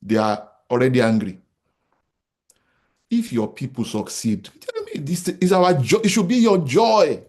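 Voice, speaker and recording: Addressing an audience, a Nigerian real estate company founder in his forties delivers a motivational business talk, driving his main points home through repetition and rhetorical questions. His medium-pitched voice is a little mellow, swinging hugely in pitch at a slightly slow pace.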